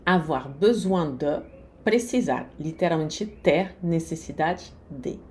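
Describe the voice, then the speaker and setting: A woman teaching a lesson, giving slow, carefully articulated pronunciation drills. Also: deep voice, animated, a little mellow. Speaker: French teacher. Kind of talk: language lesson.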